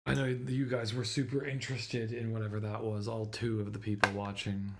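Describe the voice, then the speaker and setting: Muttering and thinking aloud, a male streamer comments casually on a visual novel during a livestream, cursing now and then. His lowish, gravelly voice has a fairly bright tone and stays level, moving a little fast.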